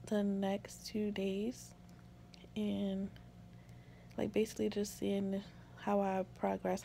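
A young woman speaking softly and tenderly in a hospital room, tired and sore after giving birth. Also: medium pitch, vocal fry, rough recording. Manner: soft, hushed, tender. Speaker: vlogger. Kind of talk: quiet casual vlog chat. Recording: loud background noise.

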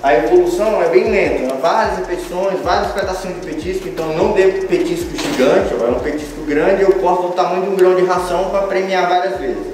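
In a big, strongly reverberant room, a man with a Brazilian accent talks through a dog-training lesson at some distance from the mic. His voice sits on the higher side, and he explains each step informally, repeating phrases to stress them. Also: quick pace, hardly any pauses, darkish tone. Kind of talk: informal instructional demonstration. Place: large bare tiled room indoors. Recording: very echoey room, distant mic, background music.

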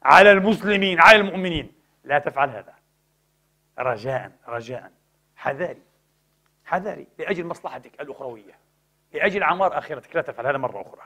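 A middle-aged man preaching an impassioned religious lecture, asking rhetorical questions and answering them himself, swinging between loud exhortation and hushed pleading. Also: on the high side, lively intonation, fast talker, pauses often.

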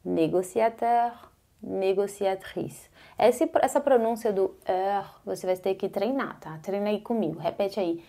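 Woman French teacher, slow unhurried delivery, mellow tone, casual and encouraging, drills pronunciation. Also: medium pitch. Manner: slow careful pronunciation drills, repeating words; casual encouraging, addresses viewer directly. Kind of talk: online language lesson.

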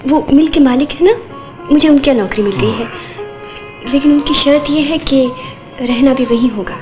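An actress playing a gentle young woman, talking softly and soothingly. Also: high voice, normal speed, natural voice. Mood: apologetic. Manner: soft, soothing, apologetic. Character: young woman, gentle kind elder sister figure. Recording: dull 1970s film soundtrack with loud music.

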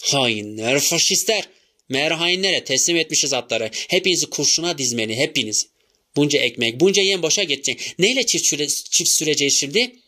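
A man reading an audiobook, voicing a furious old male work-team boss who shouts threats. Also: medium pitch, lively intonation, fairly quick. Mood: raging.

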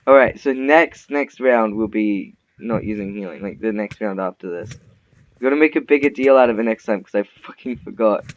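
Talking a little fast in a fairly low voice, this Minecraft gamer trash-talks and swears at his opponent during casual play. The mic is dull and muffled, with a faint noise underneath.

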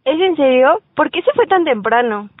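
In a radio drama, a woman voices a teenage schoolgirl telling her own story in first person, moving between narration and dialogue. Her high, animated voice moves at an ordinary speed and stays calm. The sound is dry and phone-quality.

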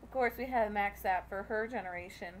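A woman's voice: medium pitch, a little fast, slight background noise. A young woman casually commentating her gameplay and chatting to the characters on screen as she plays. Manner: chatty, talking to the game characters. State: pregnant, hot. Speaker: gaming video creator.

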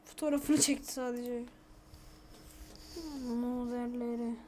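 A woman YouTuber giving casual commentary while playing a mobile game, excitable and prone to frantic repeated complaints. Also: a little high, a little slow, slight background noise. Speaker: gaming YouTuber.

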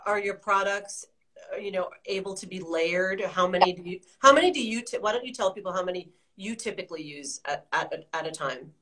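A woman's voice: mid-range voice, fairly quick, fairly bright tone, a little hiss or hum. A woman hosting an interview, eagerly passing along audience questions. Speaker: interviewer host. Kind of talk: casual interview.

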